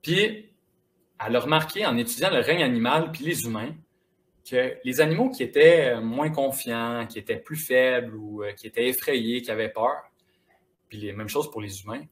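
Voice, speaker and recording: A young man with a Quebec French accent giving a lively, casual, encouraging motivational talk to students in a school auditorium. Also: medium pitch, moderate pace. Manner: lively, casual and encouraging, addressing the audience directly. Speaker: motivational speaker.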